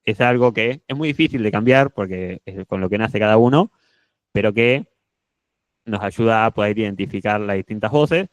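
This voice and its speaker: A young man with a Rioplatense Spanish accent teaches public speaking in an animated way. He often pushes his volume up and down to show each point. His voice sits on the low side and sounds smooth, recorded close and dry. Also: normal speed, no echo. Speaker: public speaking workshop instructor. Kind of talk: online workshop lesson.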